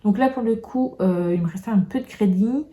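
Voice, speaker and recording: A woman's voice: mid-range voice, fairly quick, mellow, dull audio. A woman chatting casually in a monthly vlog wrap-up, hesitant and full of fillers and restarts. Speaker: booktube vlogger.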